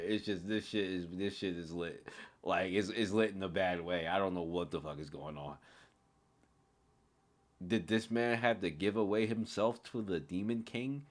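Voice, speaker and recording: A man on a casual reaction stream, reading a web novel and talking back to his chat, excitable and swearing often. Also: deep voice.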